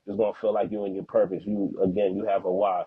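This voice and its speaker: Speaking fast in a deep, husky voice with flat delivery, a young man guests on a podcast in a casual, heartfelt interview. He's a father of Haitian background, a native Haitian Creole speaker living in the United States, who talks earnestly and slangily and repeats words for emphasis; the audio is dry and phone-like narrow-band.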